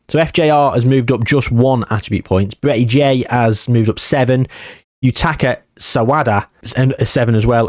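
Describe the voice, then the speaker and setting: Male gaming host, casual chatty commentary, self-mocking, mid-pitched, dry close sound. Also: darkish tone, no room sound. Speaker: gaming YouTuber.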